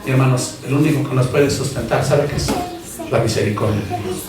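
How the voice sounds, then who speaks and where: A man with a Mexican accent, a pastor preaching a fervent sermon that moves from quiet asides to shouted emphasis and questions to the congregation. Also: mid-range voice, fairly quick. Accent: Mexican Spanish. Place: church hall. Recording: echoey room from far off.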